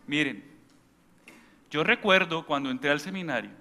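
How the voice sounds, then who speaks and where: A man giving a homily as a priest at Mass, telling stories and shouting out imitations of his family, often checking in with the congregation. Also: a little high, lively intonation, moderate pace. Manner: asks the congregation for agreement. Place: church during Mass. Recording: church with long reverb.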